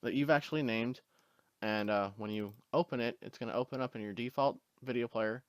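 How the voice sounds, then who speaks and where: A man with hiccups hosting a casual screen-recorded tutorial, walking through the steps in a relaxed way with fillers. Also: medium pitch, a little fast, clear, resonant tone, dry recording. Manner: relaxed step-by-step instructions with fillers. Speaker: tutorial host.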